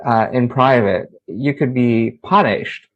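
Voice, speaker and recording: A man tells his own story as an interview guest, and he grows animated and laughs easily. His voice sits at a middle pitch. The recording sounds a little dull and lo-fi. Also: slow. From Saudi Arabia.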